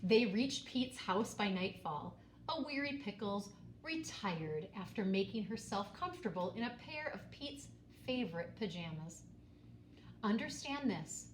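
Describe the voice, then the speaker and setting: A woman storyteller reads a picture book aloud in an unhurried, expressive manner, with very lively pitch and dramatic stress on key words. The room gives her voice an echo, and faint background noise is present.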